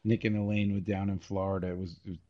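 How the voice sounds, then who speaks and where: A man's voice: deep voice, level tone, fast talker, dry recording. A man co-hosting a comedy podcast, cracking jokes and laughing at his own puns. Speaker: podcast co-host. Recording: dull lo-fi podcast audio.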